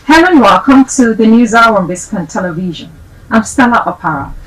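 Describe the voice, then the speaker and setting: A woman anchoring a TV news bulletin, reading headlines and reports in a formal, measured way. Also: fairly high pitch, expressive, soft background music, poor audio.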